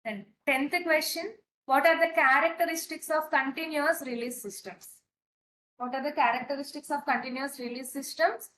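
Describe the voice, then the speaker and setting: A woman's voice: high voice, fairly even intonation, a little fast, a bit bright, echoey room, slight background noise, low-quality recording. A woman with a Telugu accent teaching a pharmacy exam-prep lesson, switching between Telugu and English and repeating key points. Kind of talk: online exam-prep lecture.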